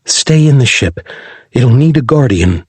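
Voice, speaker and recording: A man's voice: mid-range voice, expressive, unhurried, breathy edge, no echo. A man voicing a young woman fighter who speaks in a blunt, matter-of-fact way.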